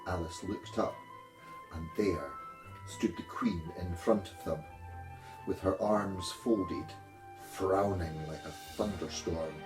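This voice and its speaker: A man reading a children's story aloud in a measured, expressive way. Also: deep voice, roomy sound, music in the background, low-quality recording. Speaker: storybook reader, primary school teacher.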